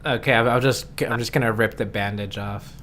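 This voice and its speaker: A man hosting a live stream chat, relaxed and often hesitant, trailing off mid-thought. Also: medium pitch, a little fast, a little hiss or hum. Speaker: stream host.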